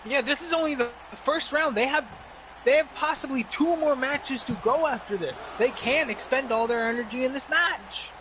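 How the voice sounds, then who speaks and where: A man's voice: very high-pitched, moderate pace. A man giving color commentary as a wrestling commentator. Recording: clear background noise.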